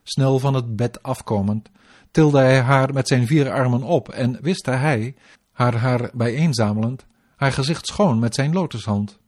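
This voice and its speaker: Male narrator for devotional scripture reading, measured and formal. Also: medium pitch. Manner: even, formal, measured delivery.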